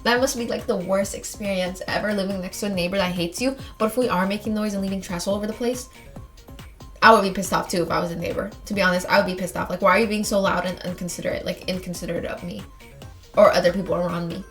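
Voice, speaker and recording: A young woman hosting a let's play of a dating game, chatty and excitable, often talking straight to the characters. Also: lowish voice, fast, soft background music. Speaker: gaming channel host.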